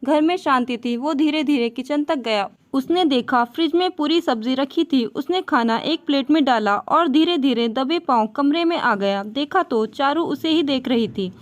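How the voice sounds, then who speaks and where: A woman narrating a moral story from a script, her voice pitched high. She tells it gently and evenly, in a steady storyteller's rhythm. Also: normal speed, few pauses.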